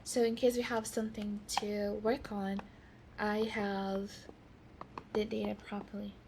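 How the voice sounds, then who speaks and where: A woman in a whispered role-play as a reassuring doctor, talking softly and slowly and often dropping into a whisper. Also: mid-range voice, flat delivery, background noise. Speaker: ASMR creator.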